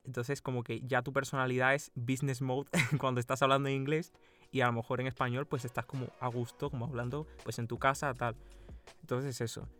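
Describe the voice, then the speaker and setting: A young Cuban man with a Madrid Spanish accent co-hosts a casual podcast, explaining at length and laughing often. His medium-pitched, fairly bright voice is delivered flatly and fairly quickly, with faint music behind.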